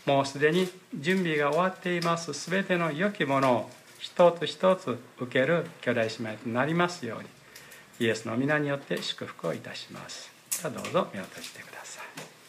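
A man's voice: medium pitch, a bit bright, slight background noise. A man preaching as pastor at a church service, earnest and often padding his phrases with little fillers. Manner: earnest, pads phrases with "desu ne". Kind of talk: sermon.

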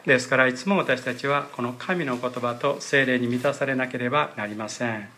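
Pastor type, male, forceful bright tone, earnest sermon delivery with frequent fillers, church service. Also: medium pitch, normal speed. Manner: earnest, pads phrases with "desu ne".

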